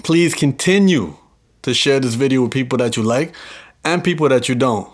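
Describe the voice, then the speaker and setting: A man's voice: medium pitch, moderate pace. Earnest man vlogging to camera. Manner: earnest, encouraging, thanks viewers warmly. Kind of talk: reflective talk to camera.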